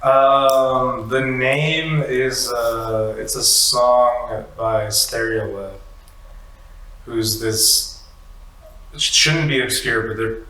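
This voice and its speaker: Bright-voiced musician in an echoey room. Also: male voice, mid-range voice, far from the mic. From United States, Mexican parents. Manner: relaxed, halting, fills with "like" and "um". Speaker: musician guest. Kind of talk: casual interview chat. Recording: echoey room, off-mic, faint hiss.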